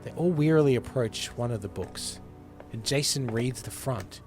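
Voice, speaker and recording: A man hosting a podcast, casually retelling a film script with animated delivery and frequent laughs. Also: mid-range voice, moderate pace, music in the background. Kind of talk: casual storytelling chat.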